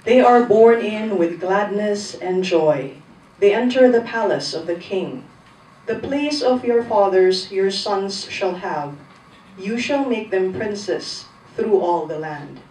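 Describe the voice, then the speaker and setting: Woman reading scripture at mass, slow and formal, super echoey church, bit far from the mic. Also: mid-range voice, expressive, dark tone. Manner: deliberate, formal recitation. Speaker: lector at Mass. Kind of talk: scripture reading and responsorial psalm. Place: large church interior. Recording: echoey church, distant mic, faint noise.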